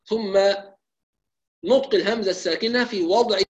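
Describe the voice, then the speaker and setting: Brief: high-pitched male recitation teacher, explains then slowly chants each example. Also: dull audio. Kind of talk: live recitation lesson with questions.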